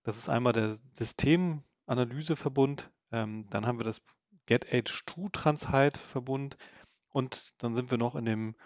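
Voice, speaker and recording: A man's voice: mid-range voice, unhurried, no echo, dull audio. A man, a guest researcher, explaining his projects in a podcast interview, with many hesitations and fillers.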